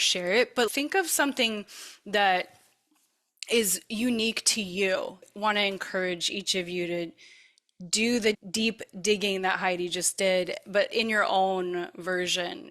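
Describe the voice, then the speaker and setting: A woman hosting and facilitating a women's circle, affirming and encouraging the group in a soft-spoken way. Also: medium pitch, fairly even intonation, unhurried.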